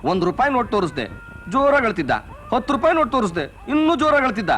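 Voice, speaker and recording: A man's voice: extremely high pitch, very animated, rapid-fire, fairly bright tone, full character voice. An actor playing a sly male thief who chats with an inspector about a baby, in a film comedy. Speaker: father speaking to an inspector. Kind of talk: 1980s film comedy acting. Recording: film soundtrack with background noise.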